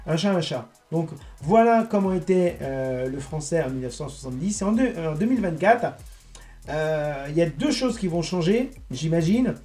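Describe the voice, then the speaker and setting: A man giving a rambling, indignant monologue to his viewers, halting and restarting as he goes. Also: a little high, animated, warm tone. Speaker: online political commentator.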